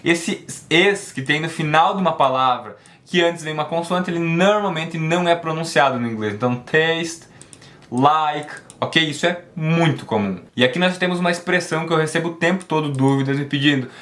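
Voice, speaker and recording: A man teaching an online English lesson. He explains things patiently, often checks in with "ok?", and slows right down to model English pronunciation. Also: a little high, fairly bright tone. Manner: switches to slow, drawn-out English for pronunciation demos.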